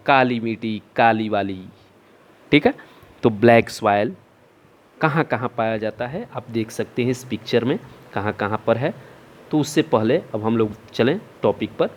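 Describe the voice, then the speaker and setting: A middle-aged man giving a classroom lecture, asking questions and answering them himself, with English terms mixed in. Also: medium pitch. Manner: asks and answers his own questions, mixing in English terms. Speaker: teacher.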